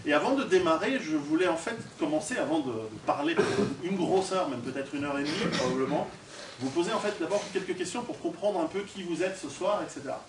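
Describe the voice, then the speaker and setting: With a slightly high, expressive voice and a brisk delivery, a man from Switzerland, an author appearing as a guest lecturer, gives a conversational, joking talk and quizzes the audience. He projects unaided in an indoor hall; a distant camera or recorder captured the sound, which is noisy and full of echo.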